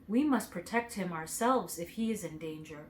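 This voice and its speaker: A woman reading as gentle tin woodman. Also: on the low side, lively intonation, normal speed, slight background noise, lightly acted, rough recording. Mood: reassuring. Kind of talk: children's storybook reading.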